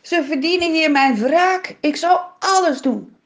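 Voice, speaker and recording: A woman's voice: extremely high pitch, animated, measured pace, voice pushed up, exaggerated voice. A woman doing a furious young strongman. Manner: shouting angry accusations. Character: enraged strong young man, vengeful hero. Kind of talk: storytelling for children. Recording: dull lo-fi recording.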